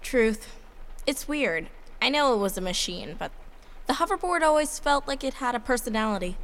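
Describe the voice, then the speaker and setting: A woman's voice: fairly high pitch, lively intonation, normal speed, fairly bright tone. A woman playing a dry, skeptical elder sister, wry and direct, in an audio drama. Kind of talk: family audio drama acting.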